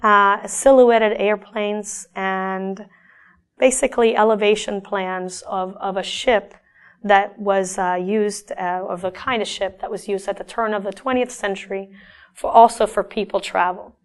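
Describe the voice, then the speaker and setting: Middle-aged woman artist from Argentina, resonant and clear, halting and reflective delivery. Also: mid-range voice, steady tone. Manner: thoughtful, halting, with frequent restarts. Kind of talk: speaking about her own artwork.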